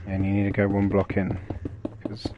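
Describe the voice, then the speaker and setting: A man's voice: fairly low pitch, completely flat delivery, normal speed, lo-fi sound, noisy background. A young man chatting with a friend while building in a game, playful and teasing. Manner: teasing, playful, fond of repeats like "yeah yeah yeah". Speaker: gamer and channel host.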